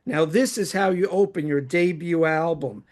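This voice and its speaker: A man's voice: fairly high pitch, moderate pace, darkish tone. A man with a New York accent, hosting and reading from prepared notes as he ranks favourite songs. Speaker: host.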